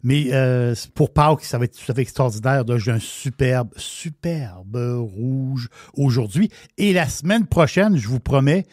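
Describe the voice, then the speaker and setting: A man with a Québécois accent, chatting excitedly about wine as a regular columnist, his words tumbling over restarts. His mid-range voice sounds close and dry, with no room around it. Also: mid-range voice, unhurried, few pauses, dry recording. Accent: Québécois French. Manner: enthusiastic, rambling, many restarts. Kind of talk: casual radio chat.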